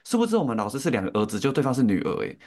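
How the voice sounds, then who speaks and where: A male podcast co-host with a Taiwanese Mandarin accent, telling stories in easy casual chat. His pitch swings widely and lively as he talks, and he laughs often. His voice sits at a middle pitch for a man. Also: racing. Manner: animated, laughing storyteller.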